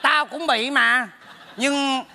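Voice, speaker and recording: A man in a staged comedy sketch scolding and teasing his neighbor rapidly. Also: extremely high pitch, gravelly, bright, forceful tone, exaggerated voice. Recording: reverberant stage hall.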